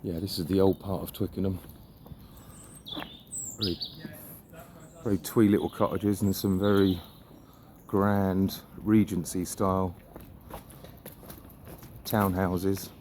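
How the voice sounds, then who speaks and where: A man strolls outdoors along suburban riverside streets, speaking slowly with frequent pauses in a low, level, slightly mellow voice. This vlogger's rambling walk-and-talk is casual and musing, opinionated and a bit sweary, with outdoor background noise.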